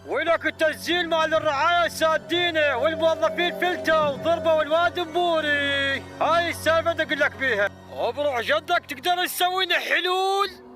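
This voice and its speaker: A man's voice: very high-pitched, brisk, bright, forceful tone. A man playing an aggrieved villager with an Iraqi Arabic accent, pleading in a comic skit. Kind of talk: comic dialect dialogue. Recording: faint music behind the voice.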